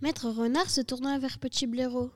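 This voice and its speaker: A woman's voice: high voice, fairly even intonation, moderate pace, a little mellow. A woman reading a storybook aloud in turns, prompting words for a partner. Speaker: reader.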